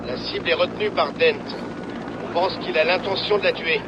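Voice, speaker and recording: A businesslike male helicopter pilot calling in over a police radio, his voice sitting a little high and clipped into short, formal reports. The transmission sounds muffled and dull. A loud helicopter roar fills everything behind it. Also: moderate pace, heavy background noise. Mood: urgent report. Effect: police-style radio transmission. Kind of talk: dubbed video game dialogue.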